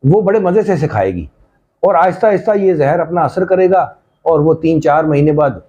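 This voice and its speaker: A man voicing a scheming middle-aged mother who gives slow, patient advice, recorded on slightly dull lo-fi audio. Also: a little high, animated, mellow, lightly acted. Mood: scheming, instructive.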